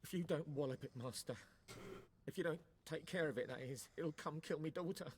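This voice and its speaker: An actor playing a worried peasant father in a video game, speaking in rustic dialect and pleading for help with a husky voice. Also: a little high, fairly quick, slight background noise, close to an everyday voice.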